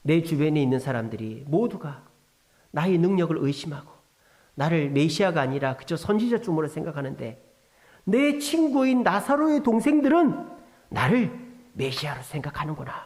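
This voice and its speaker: Quiet musing teacher, soft inner monologue, read by a male preacher. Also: fairly high pitch, sing-song, moderate pace. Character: adult man, a teacher musing with quiet satisfaction.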